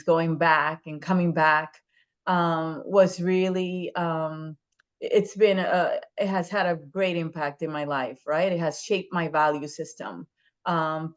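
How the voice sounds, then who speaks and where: A woman from the Dominican Republic speaks as an interview guest in a fairly low voice. She talks earnestly and with emphasis and often checks in with "right?". The sound is dull and lo-fi. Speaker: guest, state legislator.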